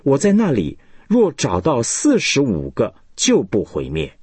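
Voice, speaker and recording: A man reading scripture aloud, voicing God as solemn and measured. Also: mid-range voice, huge pitch swings, a little mellow, breathy edge, no room sound, voice pushed up, exaggerated voice.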